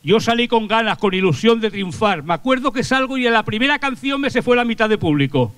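An older male comedian and singer tells chatty, crude jokes live on a theatre stage, handheld mic in hand, in folksy stand-up style full of crude slang. His high-pitched voice is expressive, brisk, fairly bright and smooth, recorded with no room sound.

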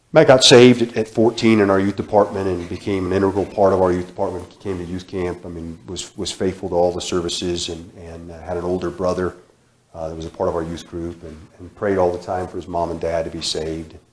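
Low-voiced preacher in an echoey church. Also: male voice. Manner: repetitive, emphatic preaching with sudden drops to quiet. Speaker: guest preacher. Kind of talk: sermon. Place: church sanctuary, large indoor room. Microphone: far camera, room mic.

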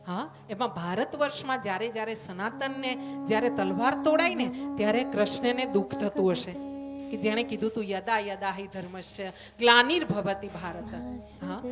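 A fairly high-voiced woman with a Gujarati accent preaches a devotional katha, telling the story with emphasis and rising to loud fervor at its peaks. Loud devotional music plays steadily behind her voice.

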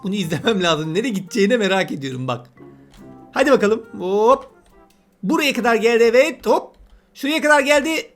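A man's voice: high-pitched, lively intonation, a little fast, fairly bright tone, soft background music. A man giving casual let's-play commentary, chatty and teasing, talking to the game's characters as he plays. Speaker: gameplay commentator.

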